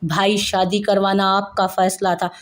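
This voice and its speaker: A woman's voice: mid-range voice, little pitch movement, unhurried, close to an everyday voice. A woman voicing a young husband who desperately pleads and stubbornly refuses to let his wife go, in a narrated audio novel. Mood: stubborn angry. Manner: pleading, then shouting in anger.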